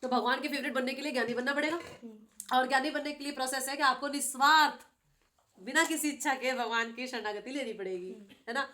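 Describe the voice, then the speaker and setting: A high-voiced middle-aged woman leads a devotional scripture class. She talks in an animated way and keeps quizzing her students with tag questions. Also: a little fast. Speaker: spiritual teacher.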